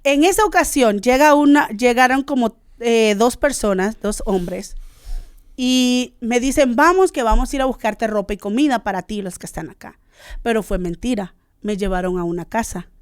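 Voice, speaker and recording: High-voiced woman telling an emotional testimony. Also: moderate pace, smooth, no echo, studio quality. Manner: animated storyteller, acts out quoted dialogue.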